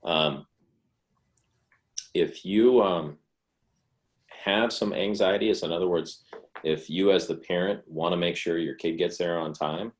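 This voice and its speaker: Deep-voiced man presenting online. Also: measured pace, pauses often. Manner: relaxed conversational explaining, with restarts.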